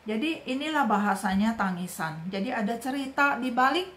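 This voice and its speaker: A woman delivers a sermon in a gentle, patient way, checking in with her listeners after almost every phrase. Her voice sits a bit high. The recording is echoey, with a faint hiss underneath. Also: lively intonation, moderate pace. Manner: gentle, repeats "ya" and "gitu" often. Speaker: preacher. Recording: echoey room with faint noise.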